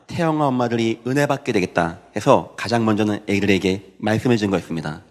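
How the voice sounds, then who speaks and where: A man's voice: mid-range voice, big-room sound. A male pastor preaching a Sunday sermon, telling stories and building to fervent proclamation. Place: church sanctuary.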